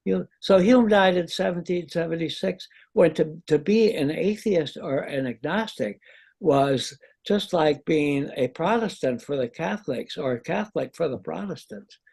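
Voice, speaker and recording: A man leading a seminar discussion, wry and halting, with many restarts. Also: a little high, creaky, darkish tone, slightly rough. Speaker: discussion leader.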